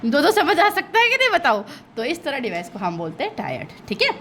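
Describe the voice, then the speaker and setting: A woman's voice: sits high, a little fast, slight background noise. A woman teacher explaining a lesson to her students, keeps checking "okay?", and laughs at her own slips. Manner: lively, checks understanding with constant "okay?" asides. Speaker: school English teacher. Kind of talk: online class explanation in mixed Hindi and English.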